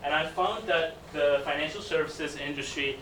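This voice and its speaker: Young male student presenter from Tunisia, halting delivery, slightly raised pitch, echoey room. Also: fairly even intonation, a bit bright, slight background noise. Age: young adult. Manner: hesitant, many fillers. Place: lecture room. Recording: echoey room, mic from a distance.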